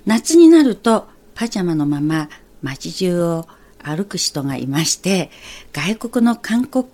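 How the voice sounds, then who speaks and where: Native Chinese speaker, woman, patient language teacher; lowish, lively voice, unhurried delivery. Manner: slow, careful, explains characters step by step. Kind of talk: radio language lesson.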